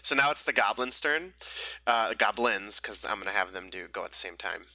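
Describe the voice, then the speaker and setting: A young game master runs a tabletop game over a voice call, casual and rambling, full of fillers and restarts. His lowish voice is animated, pushed, and bright at a moderate pace, on a low-quality recording without echo.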